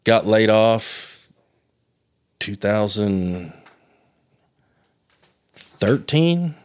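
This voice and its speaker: A man in his thirties talking casually as a podcast guest, relaxed and swearing freely. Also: fairly low pitch, dry recording, clean studio sound. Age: 30s. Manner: laid-back, swears casually.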